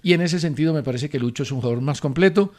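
A man's voice: a little high, rapid-fire, a little mellow. A man hosting a sports radio show, chatting casually and pressing his co-host with pointed questions. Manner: insistent, quizzing his co-host.

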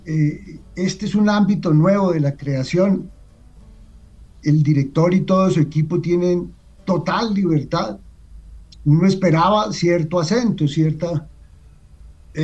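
A man speaking as a guest on a radio panel, emphatic and rhetorical, often checking in with a quick "right?". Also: on the high side, a little mellow, breathy edge, highs cut off. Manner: emphatic, rhetorical questions, repeats "¿sí?".

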